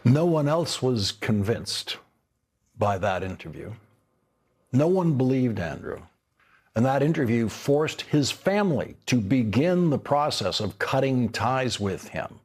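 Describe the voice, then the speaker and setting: An older man delivering scripted news commentary as an anchor, emphatic and indignant with deliberate phrasing. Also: medium pitch, very animated, darkish tone, breathy edge.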